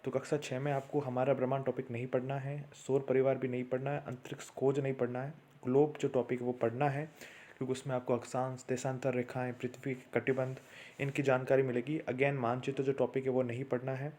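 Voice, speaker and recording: Flat-voiced male exam tutor. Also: medium pitch, brisk. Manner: steady list-like delivery, addresses viewers as friends. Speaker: exam prep teacher. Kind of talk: exam syllabus walkthrough.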